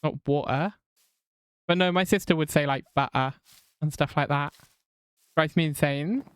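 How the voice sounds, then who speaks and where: A man with a non-rhotic English accent and a somewhat high voice chats with his viewers during a live game stream. He is wry and self-mocking and laughs easily. He is recorded on a close mic with a very dry sound. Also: fairly even intonation, brisk, a bit bright, clean tone, no echo. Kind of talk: casual live-stream chat while gaming.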